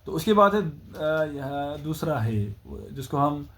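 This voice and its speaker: A man's voice: fairly high pitch, animated, slow, fairly bright tone, slight background noise. A man with a Kashmiri accent teaching the Urdu alphabet, patiently sounding out each letter and explaining its pronunciation. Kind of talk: spoken alphabet lesson.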